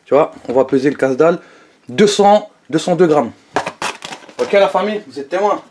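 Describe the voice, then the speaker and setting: A young man chatting casually to his viewers in a fast-food review vlog, slangy and playful. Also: on the high side, lively intonation, darkish tone, slight background noise.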